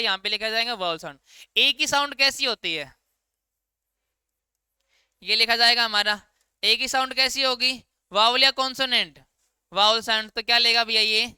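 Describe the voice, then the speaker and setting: A man's voice: extremely high pitch, sharp tone, smooth, dry recording. A male teacher gives an informal classroom grammar lesson, quizzing his students and answering his own questions. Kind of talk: classroom lecture.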